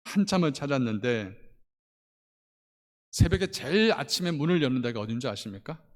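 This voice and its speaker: Impassioned pastor in echoing church hall. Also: male voice, mid-range voice, lively intonation, moderate pace. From Korea. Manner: impassioned preaching, swinging from loud to hushed. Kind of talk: sermon. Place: church sanctuary. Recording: long church hall reverb.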